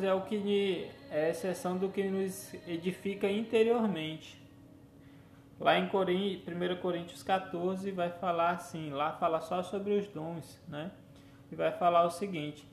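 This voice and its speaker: A man preaching a teaching sermon, gently instructive and often checking in with his listeners. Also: sits high. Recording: echoey room with faint music.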